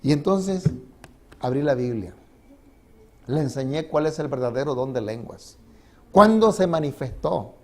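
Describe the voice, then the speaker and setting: A man's voice: on the high side, expressive, measured pace, long pauses, a little mellow. A male pastor preaching a sermon in a church, speaking emphatically and letting his voice rise and fall. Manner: emphatic, rising and falling delivery.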